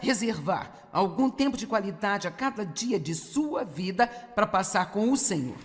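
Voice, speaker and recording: A woman's voice: mid-range voice, very animated, moderate pace, over loud music. A woman, delivering a dubbed sermon with earnest exhortations to her listeners. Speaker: preacher. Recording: long hall reverb, faint crowd.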